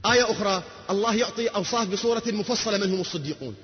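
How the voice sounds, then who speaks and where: A man's voice: sits high, rapid-fire. A man giving a religious lecture, putting rhetorical questions to his audience. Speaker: preacher. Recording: dull sound with long hall reverb.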